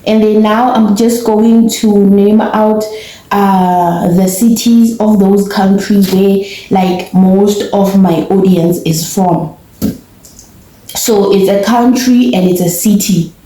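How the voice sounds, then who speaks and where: A woman's voice: mid-range voice, steady tone, takes it slowly, warm tone. Earnest South African woman vlogger. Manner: earnest and grateful, talks to viewers directly. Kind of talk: casual vlog talk to camera. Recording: roomy echo.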